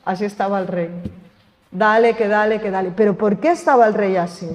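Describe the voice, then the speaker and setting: Brisk and mid-range, this preacher speaks with an accent from Spain. His sermon is conversational and full of rhetorical questions aimed at the congregation, recorded in a church hall with echo.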